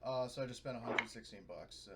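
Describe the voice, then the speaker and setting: Another tabletop player talks casually and hesitantly thinks out loud during the game, though his medium-pitched voice is fast, gravelly, bright, and forceful. The noisy microphone adds clicks.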